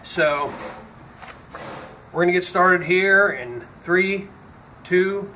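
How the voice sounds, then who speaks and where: A man with a bright, forceful, slightly high voice hosts a casual demonstration. He talks around a dip of tobacco in his lip, which slightly muffles his words. There is clear ambient noise in the recording. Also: drawn-out words. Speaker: host of a firearms video channel. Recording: clearly noisy with ambient sound.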